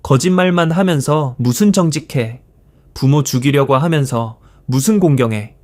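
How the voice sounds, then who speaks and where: A man voicing a furious elderly grandfather, a retired teacher who shouts and scolds. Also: on the high side, normal speed, dry recording, natural voice. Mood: enraged.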